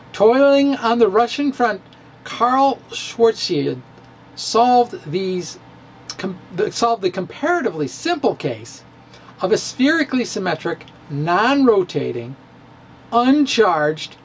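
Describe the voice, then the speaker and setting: Here a middle-aged physics blogger, high-voiced, dramatizes his own writing into a studio mic in a room at home. The reading is theatrical and playful, marked by pauses and dips, with slight background noise.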